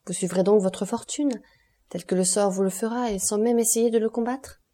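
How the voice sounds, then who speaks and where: Ardent young lover read by a woman narrator, urgent and earnest, soft warm tone. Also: medium pitch, fairly even intonation, a little fast, lightly acted. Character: young man, ardent, passionate, desperate lover. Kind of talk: audiobook character reading.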